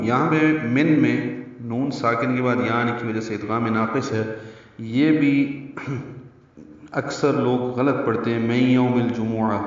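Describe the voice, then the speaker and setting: Male recitation teacher, deliberate lecture style, heard from a distance in a very echoey room. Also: mid-range voice. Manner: slow, deliberate explanation, chanting example words. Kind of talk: tajweed lesson with recited examples. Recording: very echoey, distant, dull sound.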